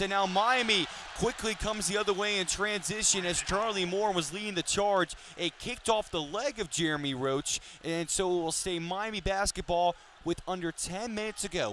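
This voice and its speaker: Bright and forceful, this high-pitched play-by-play man in his twenties narrates a live basketball game for radio. The crowd and arena atmosphere fill the background as he gives a detailed, professional call.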